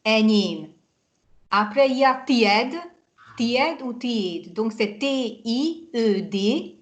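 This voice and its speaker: A woman tutoring over a video call, her voice sitting a little high. She talks slowly and patiently, spelling out each word letter by letter. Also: lively intonation. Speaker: Hungarian teacher.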